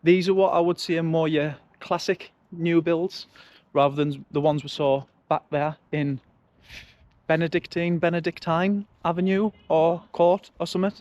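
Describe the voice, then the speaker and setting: A man's voice: on the high side, fairly even intonation, moderate pace, darkish tone, dry recording, highs cut off. A man with a Sunderland accent giving a casual, chatty walking-tour commentary in colloquial dialect. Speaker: local-history vlogger. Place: outdoors, walking along residential streets. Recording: outdoor street and traffic noise.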